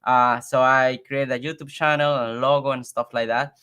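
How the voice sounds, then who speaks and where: Man, English, halting, repeats words, laughs easily, video call guest. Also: mid-range voice, flat delivery, pushed and bright, smooth. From Mexico. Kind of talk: casual interview chat.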